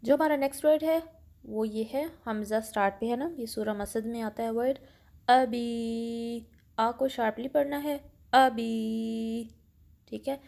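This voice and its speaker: Woman teaching Quran pronunciation, fairly high voice. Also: creaky, mellow. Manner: explains step by step, mixing English phrases into Urdu; slowly draws out example words for practice. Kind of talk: online tajweed lesson.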